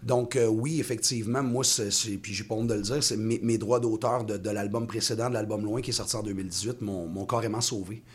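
A man's voice: lowish voice, steady tone, fairly quick, few pauses, slightly rough. Rambling Québécois man in his thirties. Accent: Québécois French. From Quebec. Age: 30s. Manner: rambling, many restarts and fillers, laughs easily. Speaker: touring singer-songwriter guest. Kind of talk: casual radio interview.

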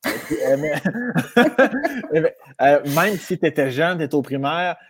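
A man with a Québécois French accent whose voice sits a little high for a man. He hosts a relaxed interview, easing into each question with fillers and false starts. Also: takes it slowly, slight background noise. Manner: hesitant questions with many fillers. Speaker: interviewer, host. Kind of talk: casual conversational interview.

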